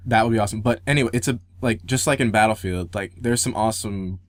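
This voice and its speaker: A young man with a lowish voice co-hosts a casual gaming podcast. He rambles with excitement and trips over his words. He keeps restarting his sentences as he talks. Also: quick pace, no room sound, clean studio sound. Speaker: podcast co-host.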